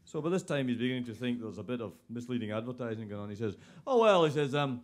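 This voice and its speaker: A man's voice: medium pitch, rapid-fire. A man from a folk band telling pub jokes between songs at a live concert, acting out the characters as he goes. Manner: lively storyteller, voices characters in his jokes. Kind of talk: live stage banter and joke telling. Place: live concert venue with an audience.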